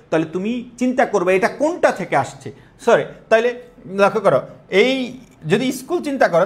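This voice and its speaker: Higher-voiced Bangladeshi man teaching online. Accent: Bangladeshi Bengali. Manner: repeats questions, quizzes students. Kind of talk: live online exam-prep lesson.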